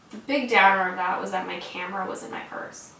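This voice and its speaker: Young American woman, casual storyteller, bright voice, salty filler-heavy delivery, roomy distant recording. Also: mid-range voice, fairly even intonation, normal speed, gravelly, slight background noise. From United States. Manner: casual, swears freely, filler "like" throughout. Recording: roomy sound from a distant mic.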